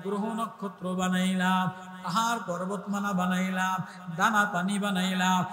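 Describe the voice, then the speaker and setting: A man's voice: high-pitched, level tone, measured pace, bright, forceful tone, soft background music. A man preaching a Bengali-style sermon with a Bangladeshi regional accent, repeating his lines in an impassioned, rising sing-song chant. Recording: echoey hall-like PA reverb.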